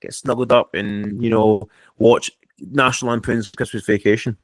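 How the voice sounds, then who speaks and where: A man's voice: fairly low pitch, steady tone, normal speed, no echo. A man chatting casually about TV shows on a podcast, rambling and restarting his sentences, laughing as he talks. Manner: rambling, lots of restarts, laughs while talking. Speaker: podcast guest or co-host. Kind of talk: casual chat about TV and film.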